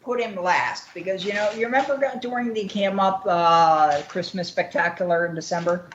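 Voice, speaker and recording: A woman's voice: medium pitch, normal speed. A woman hosting an internet radio show in loose, jokey chat. She rambles and laughs often. The sound is a little dull, with faint hiss behind her.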